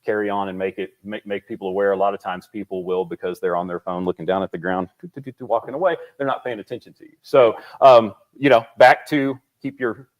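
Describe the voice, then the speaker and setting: A man's voice: lowish voice, quick pace, few pauses. Guy on a studio talk show giving safety advice, earnest, says things twice. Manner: earnest, repeats key points for emphasis. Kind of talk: casual talk show interview.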